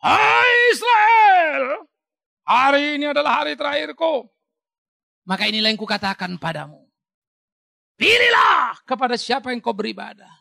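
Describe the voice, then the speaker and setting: A man voicing an aged male war leader who gives a stern farewell charge to his people in a booming, proclaiming voice. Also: big pitch swings, moderate pace, vocal fry, long pauses, pushed and bright, dry recording, shouting, studio quality, full character voice. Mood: commanding.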